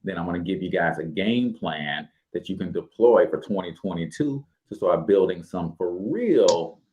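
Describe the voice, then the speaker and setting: A man's voice: low-pitched, expressive, moderate pace, a little mellow, muffled recording. Emphatic man hosting a podcast. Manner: emphatic, punchy repetition. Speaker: podcast host. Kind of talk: casual podcast talk with radio-style segues.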